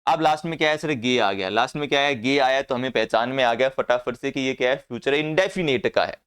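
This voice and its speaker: A man's voice: mid-range voice, brisk, a bit bright, clean tone. A man teaching an English grammar class, often asking the class questions and answering them himself.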